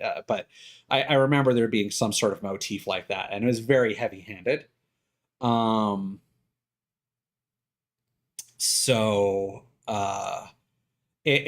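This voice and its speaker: Speaking at a fairly low pitch, a man rambles through a live stream with casual, opinionated commentary, halting and starting up again.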